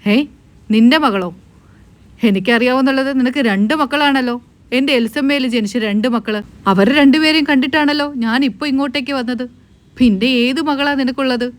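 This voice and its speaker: A woman voicing a sharp, scolding aunt. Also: sits high, fairly quick, lightly acted. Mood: indignant. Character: angry middle-aged aunt confronting her niece.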